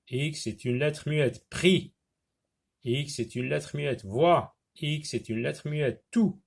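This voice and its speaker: A male teacher works through a beginner reading lesson at a slow, patient pace. He sounds out each word syllable by syllable and repeats it several times. His voice sits at a middle pitch. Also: husky. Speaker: primary school teacher.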